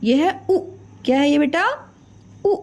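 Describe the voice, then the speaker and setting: A woman's voice: high-pitched, a little slow, gravelly, dark tone. A woman teacher giving a children's alphabet lesson, patiently repeating each sound and quizzing the children. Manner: mixes English drawing words into her talk. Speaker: Hindi teacher.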